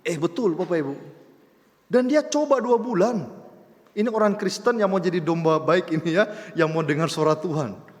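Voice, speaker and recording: An Indonesian pastor telling humorous stories in a Sunday sermon, animated, swinging between loud and hushed. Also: male voice, high voice, normal speed. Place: church sanctuary. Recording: long church reverb.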